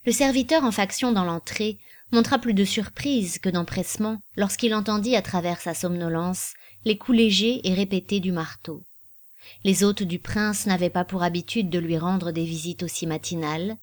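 A woman reads a literary novel aloud as an audiobook narrator. Her reading is measured and expressive. Her pitch sits in the middle range.

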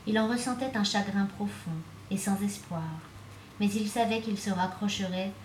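A woman reading a novel aloud as narrator, with steady, even storytelling. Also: mid-range voice, normal speed, slight background noise. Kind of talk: audiobook reading. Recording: echoey room.

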